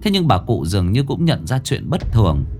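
A man narrating a ghost story in a dramatic, expressive reading. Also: on the low side, brisk, over music. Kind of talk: scripted horror narration.

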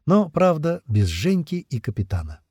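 Somber hero man, the narrator's own voice, mellow, close. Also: on the high side, very animated, normal speed, slightly rough, no room sound, voice pushed up. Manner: somber, questioning. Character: gloomy thoughtful hero man.

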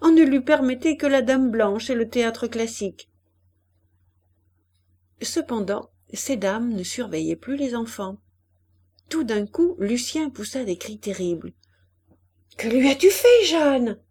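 A woman's voice: a little high, animated, unhurried, pauses often, warm tone. A woman narrating an audiobook expressively, acting out each character. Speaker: audiobook reader.

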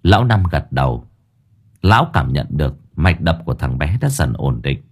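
A man narrating an audiobook story in an animated, dramatic way. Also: a bass voice, normal speed, breathy edge.

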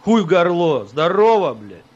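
A man's voice: high voice, very animated, measured pace, slight background noise. A man making an abusive prank phone call, taunting and mocking, laughing at his own insults. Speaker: prank caller. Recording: dull lo-fi phone audio.

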